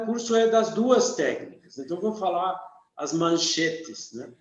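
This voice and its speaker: An older man from Argentina, a radiesthesia teacher calmly explaining his field as a guest in an interview. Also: fairly high pitch. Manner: calm, methodical, lists things one by one. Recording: dull, echoey call audio.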